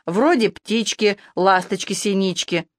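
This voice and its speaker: Woman doing a gruff werewolf police major. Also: medium pitch, no room sound, clean studio sound, lightly acted. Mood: scornful. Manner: growling, blustering, quick-tempered.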